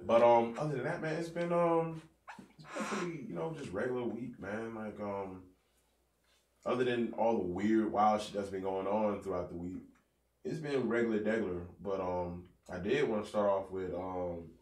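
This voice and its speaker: This North New Jersey man hosts a relaxed podcast conversation, rambling with slang and fillers while sounding slightly stuffy and sniffly from allergies. His voice is on the low side, a little mellow, at normal speed, captured from a distance in an echoey room with poor audio quality.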